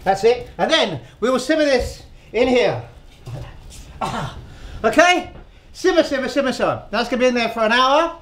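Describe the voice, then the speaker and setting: A man's voice: very high-pitched, expressive, moderate pace, fairly bright tone. A man hosting a casual cooking demonstration, chatty and rambling and laughing often as he tells jokes. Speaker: cooking show host. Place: outdoors, windy. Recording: echoey with faint ambient noise.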